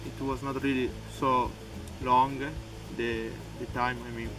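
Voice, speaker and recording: In a flat, mid-range voice at a measured pace, a young Peruvian volunteer responds to interview questions, faltering and breaking off his phrases. He's recorded from a distance over loud music.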